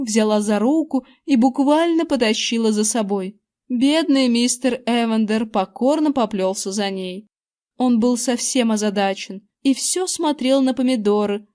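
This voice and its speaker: A woman narrating an audiobook in the first person with lively, expressive storytelling. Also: fairly high pitch.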